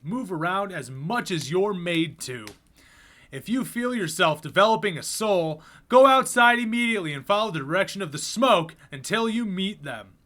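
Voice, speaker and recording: Man doing a booming salesman announcer. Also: lively intonation. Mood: grand pitching. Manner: loud, emphatic sales-pitch delivery with slowed key phrases. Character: slick booming male salesman-announcer pitching a strange book.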